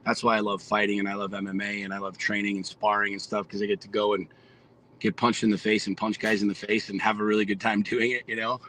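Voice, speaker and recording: A man's voice: fairly low pitch, little pitch movement, fast talker, bright, forceful tone, a little hiss or hum, rough recording. A man in his forties, a podcast guest, talking bluntly and with lots of profanity in a fired-up, motivational way. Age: 40s. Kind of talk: casual podcast conversation.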